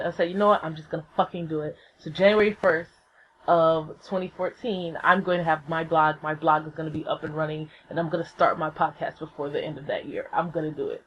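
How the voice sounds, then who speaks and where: Young woman host, solo podcast, gushy storyteller who swears a lot, slightly dull lo-fi laptop sound. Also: a little hiss or hum. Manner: excitable, swears freely, acts out quotes with big pitch jumps.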